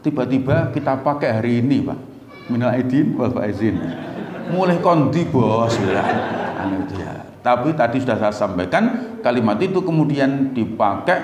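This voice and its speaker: A middle-aged man with a Javanese accent giving a humorous mosque sermon, telling stories lively and jumping to high excited voices when quoting. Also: normal speed, a crowd in the background. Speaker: Islamic preacher and lecturer. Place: large mosque hall. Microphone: stand mic at lectern. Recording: echoey mosque hall, faint ambience.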